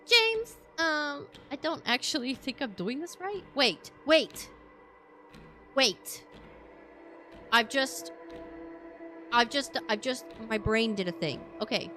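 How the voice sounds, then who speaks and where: With a fairly high pitch and a sharp tone, this woman chats loosely while playing a game on a live stream. She rambles playfully, hums and scats to herself, and describes her own voice as witchy; background music plays.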